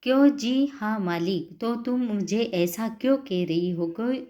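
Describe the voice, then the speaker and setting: A woman's voice: medium pitch, a little slow, dark tone, lightly acted. A woman reading as a stern, angry householder. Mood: indignant. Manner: reads the lines aloud, interrupting to explain them. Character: angry middle-aged male householder, stern employer. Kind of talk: textbook reading.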